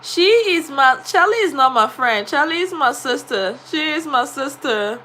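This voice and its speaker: Nigerian woman, live-stream chat, lots of fillers, slightly high voice, animated storytelling. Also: measured pace, slight background noise. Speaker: vlogger and teacher.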